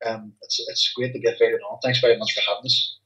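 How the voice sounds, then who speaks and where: A man's voice: fairly low pitch, level tone, fast, sharp tone, far from the mic, dull audio, a little hiss or hum. A man with a thick Belfast accent, chatting casually as a podcast guest. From Belfast, Northern Ireland. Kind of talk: casual chat.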